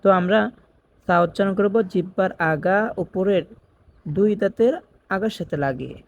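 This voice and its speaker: A man teaching Quran reading, slowly repeating each Arabic letter sound and explaining where in the mouth it is made. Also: high-pitched, gravelly, lo-fi sound, slight background noise. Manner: chants the Arabic opening phrases in a drawn-out sing-song.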